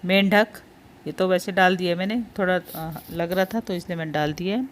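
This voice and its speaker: A woman's voice: lowish voice, steady tone, moderate pace, a little hiss or hum. A woman teaching a Hindi spelling lesson. She says each word, repeats it, and patiently points out which ones are important.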